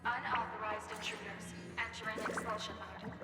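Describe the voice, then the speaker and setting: Security computer, woman actor: female, impersonal formal announcements, heavy echo, loud music behind. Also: medium pitch, little pitch movement, moderate pace, close to an everyday voice. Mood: cold alert. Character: automated female factory security system, cold and impersonal. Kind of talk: video game announcement. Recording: echoey hall reverb under loud music.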